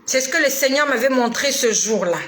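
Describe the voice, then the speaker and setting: A woman's voice: high voice, animated, a little fast, fairly bright tone, reverberant. A woman delivering a prophetic sermon, emphatic and admonishing, firing rhetorical questions at her listeners. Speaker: preacher.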